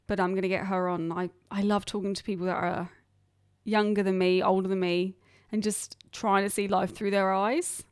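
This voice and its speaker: This podcast host, a young Englishwoman, chats on her own in a rambling, self-deprecating way. Her medium-pitched voice is smooth and flat at normal speed, with a dry, studio-quality recording made indoors in a hot, humid region.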